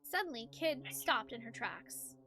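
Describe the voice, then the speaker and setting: Unhurried and lively in intonation, a woman with a fairly high voice narrates a game playthrough on stream, voicing the story expressively as if reading a storybook. Between passages she chats casually about her progress. Loud game music and slight background noise accompany her.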